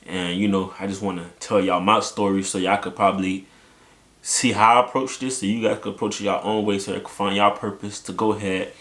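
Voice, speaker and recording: A man's voice: lowish voice, flat delivery, fairly quick, a bit bright. A young man from Haiti telling his own story to his viewers in a casual, slangy way, often asking "you know what I'm saying". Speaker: vlogger.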